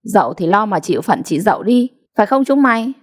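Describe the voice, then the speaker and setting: A woman's voice: medium pitch, sing-song, brisk, lightly acted. A woman voicing a pack of teenage schoolkids who mock a classmate in sing-song taunts. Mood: jeering.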